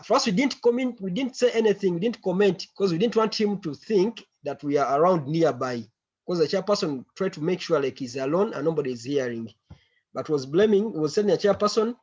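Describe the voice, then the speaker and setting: A man gives a report to colleagues over a conference call. His voice is on the high side and somewhat husky, and he circles back over his phrases. The online audio is a bit dull. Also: darkish tone. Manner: repeats words and phrases while recounting. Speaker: member of an organisation reporting to a meeting.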